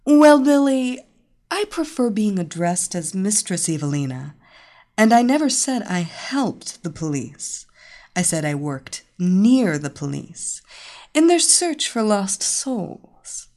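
Seductive psychic vamp, slow and sing-song, by the woman narrator. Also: mid-range voice, sing-song, warm tone. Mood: sultry. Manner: slow, sultry, teasing.

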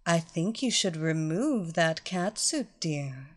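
A woman voicing a commanding blonde female hypnotist who gives slow, purring, drawn-out orders. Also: sits low, expressive, pitched below the performer's own voice, exaggerated voice.

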